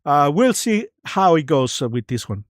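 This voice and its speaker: A livestream host giving casual, improvised commentary in a halting, searching way, with a mocking, sarcastic and combative manner. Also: mid-range voice, big pitch swings, no echo, studio quality.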